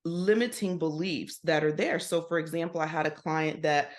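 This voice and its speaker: A woman with a fairly low voice, speaking as a coach in a relaxed podcast interview. She walks through her method with client stories and slips into the voices of the people in them. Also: normal speed. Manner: storytelling, acts out client dialogue. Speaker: guest, healing coach. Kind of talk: conversational interview.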